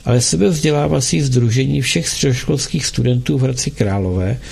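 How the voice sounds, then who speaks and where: A man's voice: medium pitch, vocal fry, a little mellow, husky. A man voicing a proud, stubborn teenage schoolboy who answers his father defiantly. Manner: defiant, indignant.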